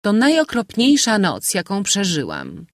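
A man doing a shrill, spoiled young girl. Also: wildly swooping pitch, unhurried, fairly bright tone, dry recording, studio quality, full character voice. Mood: complaining. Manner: whiny, shrill, petulant.

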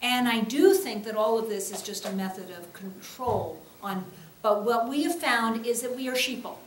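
A woman's voice: on the high side, normal speed, reverberant, a little hiss or hum. A middle-aged woman, a keynote speaker, answering questions earnestly at a table mic, with frequent ums and uhs. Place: indoor event hall, seated at a table.

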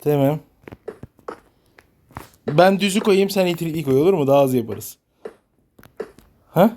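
A man's voice: a little high, moderate pace, mellow, slight background noise. A man talking casually as a father playing a video game with his child, cooperative and often checking with questions. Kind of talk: casual gameplay chat.

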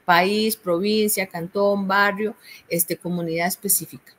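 A woman's voice: medium pitch, fairly even intonation, unhurried, a bit bright. Patient Costa Rican woman tutor explaining. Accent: Costa Rican Spanish. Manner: patient, explanatory, frequent "¿verdad?" and "este". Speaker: university tutor. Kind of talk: explaining a course assignment.

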